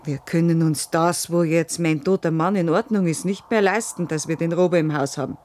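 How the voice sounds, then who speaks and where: A woman playing a calculating village widow in a radio play, speaking in a flat, plotting way. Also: fairly low pitch, normal speed, natural voice. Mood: scheming. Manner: matter-of-fact, plotting.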